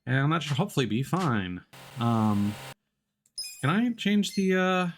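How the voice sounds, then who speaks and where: With a somewhat high voice, big pitch swings and a measured pace, a gaming livestreamer talks through his play over a headset mic, a little hiss or hum in the background. He's informal and self-deprecating, thinking aloud as he commentates.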